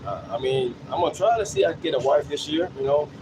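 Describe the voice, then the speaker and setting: A fast-talking vlogger in his late thirties, with a slightly high voice, rambles off the cuff on a city bus, sharing anecdotes in a casual, repetitive way. "You know" tags keep cropping up, especially "you know what I'm saying." The recording clearly captures vehicle and air noise.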